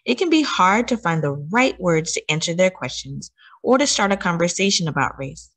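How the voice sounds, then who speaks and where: A woman hosting children's story time reads a picture book aloud, her pitch lively and swooping. She uses deliberate, teacherly emphasis and adds asides and questions for her young listeners.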